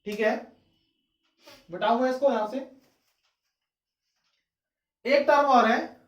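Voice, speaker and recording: A man's voice: very high voice, slow pace, lo-fi sound. Echoey male teacher lecturing. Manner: repeats key words as questions. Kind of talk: classroom lecture. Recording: echoey room, distant mic.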